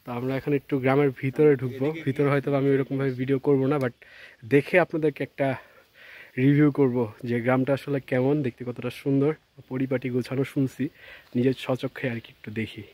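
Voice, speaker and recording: Fast and medium-pitched, a man from Bangladesh narrates his travel vlog on foot along rural trails, through a village and a tea garden. The recording is dry, and his easygoing commentary drifts into English now and then.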